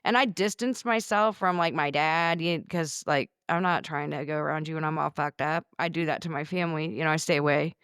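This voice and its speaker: A woman's voice: deep voice, a little fast, hardly any pauses, fairly bright tone, clear, resonant tone, no room sound, clean studio sound. A woman speaking as a guest in a candid podcast interview, blunt and matter-of-fact, with plenty of swearing.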